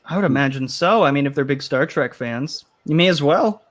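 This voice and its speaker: Chatty male podcast host, slightly high. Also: expressive, a little fast. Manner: rambling, restarts, reads chat comments aloud. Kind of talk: casual panel chat.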